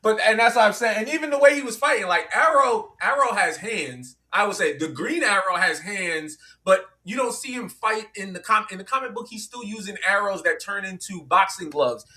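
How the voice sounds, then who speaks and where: A man from New York hosting a casual chat among friends, telling his points in an animated, emphatic way. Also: sits high, normal speed, hardly any pauses. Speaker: host.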